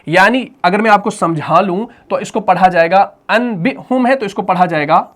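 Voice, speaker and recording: A man teaching Quran recitation rules, patient and repetitive, asking his students questions and reciting slow examples. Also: sits high, a bit bright. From Pakistan. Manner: patient, repeats points and asks questions back.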